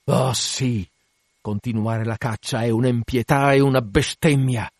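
A man's voice: medium pitch, steady tone, measured pace, dry recording, clean studio sound. A man voicing a grave, devout first mate who pleads earnestly, in a dramatic reading. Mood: pleading.

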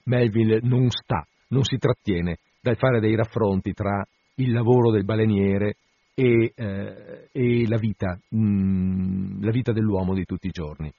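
A male radio host reading a novel aloud with theatrical expression, then chatting to listeners in relaxed asides. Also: on the low side, a little slow, no echo. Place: radio studio. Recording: dull dry radio broadcast.

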